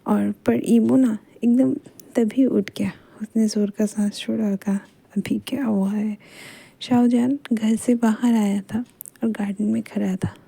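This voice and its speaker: Soft-spoken woman with a gravelly husky voice. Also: mid-range voice, fairly even intonation, unhurried. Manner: soft, half-whispered delivery with chatty fillers. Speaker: storyteller explaining a fan fiction. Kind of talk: casual story retelling.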